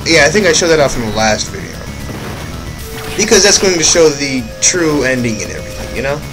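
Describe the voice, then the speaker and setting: A young man rambles casually through commentary on his own gameplay, often correcting himself mid-sentence and tossing in offhand asides. His voice is a little high, sing-song and a little fast, typical of a let's play commentator. The recording is rough, with loud game music playing behind him.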